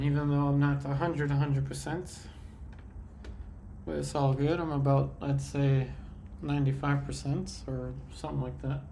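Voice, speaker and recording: His voice is on the high side and gravelly, and a faint hiss or hum sits under the recording. He's a livestream art host running a painting demo, relaxed and talkative, replying to viewers as he works, though a sinus infection has him congested and a little nasal.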